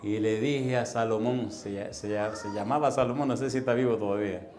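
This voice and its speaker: A man preaching a sermon as a pastor, telling stories animatedly and acting out voices and sounds, with forceful emphasis. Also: fairly low pitch, steady tone, a little fast, echoey room. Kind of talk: storytelling sermon.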